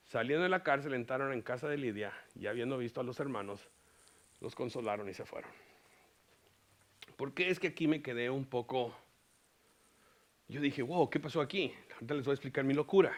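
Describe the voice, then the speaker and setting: A lively man preaching a Bible lesson in a church, his high voice rising sharply when he stresses a point and falling soft when he turns serious. His tone is bright and forceful, and he slips English words into his teaching. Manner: animated, mixes English words into Spanish, acts out Paul's lines. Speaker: pastor. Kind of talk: bilingual Bible teaching sermon.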